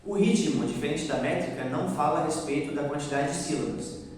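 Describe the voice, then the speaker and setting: A man's voice: a little high, a little fast, a little mellow. A man teaching a class on poetic meter, patiently checking that students follow. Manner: patient, checks understanding often. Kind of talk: classroom lecture on poetry. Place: bar or venue room. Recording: echoey room, voice from a distance.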